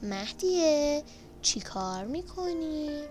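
A woman voicing a gentle, patient mother who calmly explains and praises her daughter. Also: fairly high pitch, close to an everyday voice. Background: background music.

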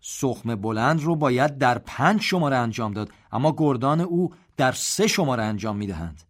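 A man's voice: medium pitch, expressive, pitched above the performer's own voice, close to an everyday voice. A man playing a stiff, formal army major.

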